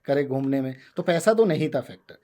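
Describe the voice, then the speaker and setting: Man, thirties, from India, interview guest, easygoing storytelling, warm mellow tone. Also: medium pitch, fairly quick. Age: 30s. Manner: relaxed storytelling, mixing Hindi and English. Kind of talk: casual conversational interview.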